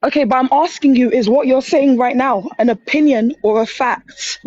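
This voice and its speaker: A woman's voice: sits high, normal speed, darkish tone, muffled recording. Breathless woman pressing questions on a call. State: out of breath from walking. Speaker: debate caller. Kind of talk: heated live call-in debate.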